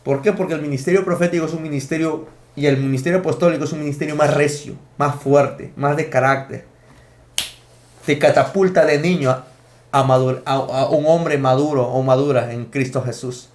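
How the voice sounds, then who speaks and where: High-voiced male preacher in an echoey room. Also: steady tone, normal speed, darkish tone. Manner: emphatic, counts points aloud. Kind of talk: sermon teaching.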